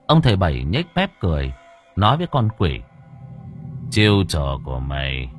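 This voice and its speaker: A man narrating a horror story in a dramatic, expressive way. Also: fairly low pitch. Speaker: audiobook narrator.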